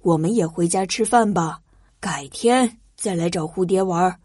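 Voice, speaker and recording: A woman voicing a patient, cheerful father who gently explains things to his child in a children's story. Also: lowish voice, measured pace, husky, voice pushed down. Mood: coaxing.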